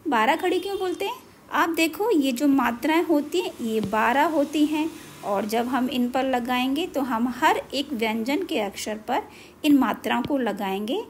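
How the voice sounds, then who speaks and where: A woman's voice: high voice, lively intonation, unhurried, a little hiss or hum. A woman teacher giving a beginners' alphabet lesson, carefully spelling out each syllable one at a time.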